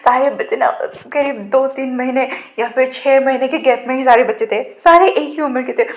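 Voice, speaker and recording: A woman's voice: sits high, moderate pace. A woman casually retelling a fan-fiction story in a chatty way, with small asides of her own. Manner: chatty, many fillers and restarts, laughs along.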